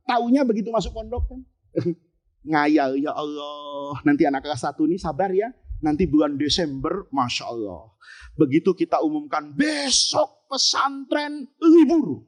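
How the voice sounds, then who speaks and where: A man giving a lively storytelling sermon to boarding-school students, joking, asking rhetorical questions and breaking into sudden shouts. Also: very high voice. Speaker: Islamic preacher teaching boarding-school students.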